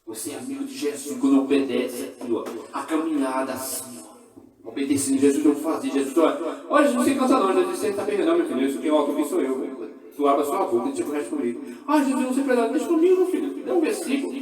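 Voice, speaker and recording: Fervent Brazilian preacher in an echoey church. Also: male voice, mid-range voice, animated, fast talker, recorded from a distance, crowd noise. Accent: Brazilian Portuguese. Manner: fervent, shifting between hushed and loud. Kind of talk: sermon. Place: church service. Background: congregation responding.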